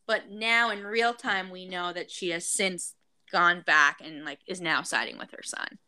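A woman's voice: lowish voice, unhurried, pushed and bright, dry recording. A woman co-hosting a casual gossip podcast, recounting a story with lots of fillers. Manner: chatty, recounting with many fillers. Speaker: podcast co-host.

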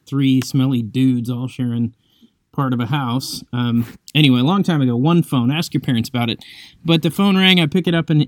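Brief: male devotional host, mid-pitched, thoughtful and unhurried, dry close sound, faint music underneath. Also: darkish tone, no echo. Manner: reflective and conversational, with many pauses. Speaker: podcast host. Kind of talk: devotional talk and scripture reading.

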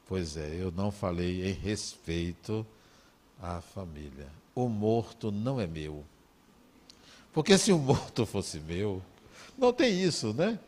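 A man with a Brazilian Portuguese accent, giving a talk in an animated, conversational storytelling way. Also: low-pitched, slow pace. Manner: animated, conversational, acts out dialogue.

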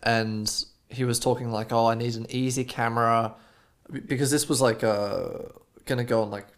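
Here a male podcast co-host from Australia talks at a normal speed in a mid-range, fairly level voice. He's a rambling storyteller, chatting casually and leaning heavily on "like" as filler.

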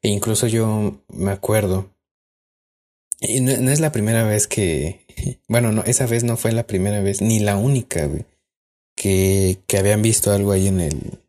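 Mellow low-voiced Mexican man. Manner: rambling with many fillers and restarts. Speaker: podcast co-host. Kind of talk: casual storytelling.

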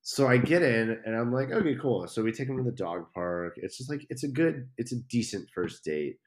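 Guesting on a podcast, a young man with a medium-pitched voice tells a casual story at a moderate pace. He swears freely and gets animated, performing the quoted lines of the characters involved.

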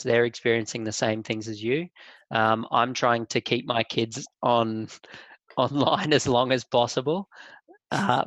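A man who is a teacher, hosting a school podcast in a halting, rambling way. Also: mid-range voice, fairly bright tone, dry recording. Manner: rambling, halting, many fillers. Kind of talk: casual podcast talk. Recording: dull lo-fi dry sound.

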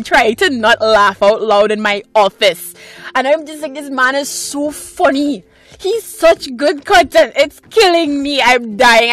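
Young woman, twenties, higher voice, chatty podcast host, faint music behind. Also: fairly bright tone. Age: 20s. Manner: chatty, rambling, self-mocking. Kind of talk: casual solo podcast chat. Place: small clothes closet at home.

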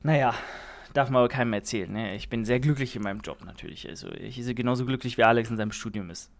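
A man's voice: medium pitch, quick pace. Rambling young man podcasting. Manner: rambling, many fillers and restarts. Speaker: podcast co-host. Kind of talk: casual podcast chat.

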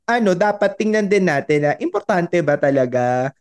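Filipino male teacher co-hosting a chatty podcast; lively, code-switching, a touch higher-pitched. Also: normal speed, clean tone. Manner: animated, laughs often, mixes English into Filipino. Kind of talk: casual chat.

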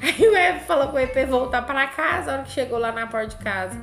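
A woman's voice: sits high, expressive, rapid-fire, roomy sound, over music. A woman, co-hosting a casual chat and telling a personal story with lots of drama.

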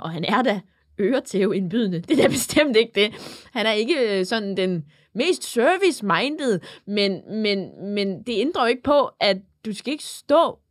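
A woman in her twenties co-hosting a podcast, telling an animated story in casual chat with lots of swearing. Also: mid-range voice, no echo, studio quality. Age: 20s. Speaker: podcast co-host.

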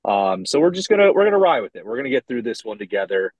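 A man's voice: mid-range voice, very animated, fast, no room sound. A man talking over a phone line from inside a parked car, chatting loosely as a podcast co-host, rambling and swearing casually. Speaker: co-host of a sports betting podcast. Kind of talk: casual chat.

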